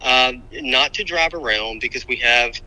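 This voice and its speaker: A man speaking as a city manager over a speakerphone held up to a studio microphone, giving a halting public safety update full of ums and restarts. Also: medium pitch, bright, forceful tone, rough recording.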